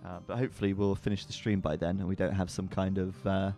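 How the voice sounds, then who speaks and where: A man casting an esports match live, chatty and quick to laugh. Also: low-pitched, little pitch movement, dark tone. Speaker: esports caster. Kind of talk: live game commentary. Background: faint background music.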